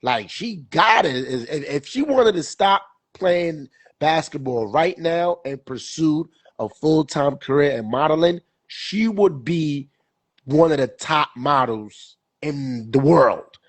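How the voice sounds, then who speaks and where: Husky and stuffy from a cold, a young man with a higher, expressive voice co-hosts a sports podcast, taking his time. His talk is loose and rambling, full of repeated words and fillers, captured dry and close with no room around it.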